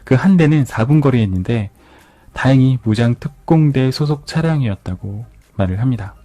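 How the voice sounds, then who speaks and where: A man calmly retelling a crime novel for an ASMR book review, often repeating phrases for effect. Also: medium pitch, moderate pace, no echo. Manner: calm storytelling with repeated phrases. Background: soft background music.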